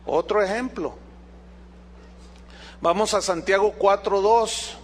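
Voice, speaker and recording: A man preaching a sermon as pastor, animated, asking the congregation rhetorical questions and acting out dialogues. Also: sits high, slow pace, slight background noise.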